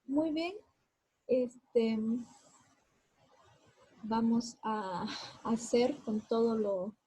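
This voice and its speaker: A woman's voice: on the high side, mellow, breathy edge, poor audio. A woman teacher giving a lesson, explaining each step and talking straight to her students. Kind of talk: classroom lesson.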